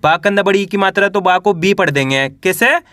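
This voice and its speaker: Male reading teacher, high bright voice, slow syllable-by-syllable delivery, close dry mic. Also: no echo. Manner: spells each syllable slowly, then says the whole word; addresses viewers as friends.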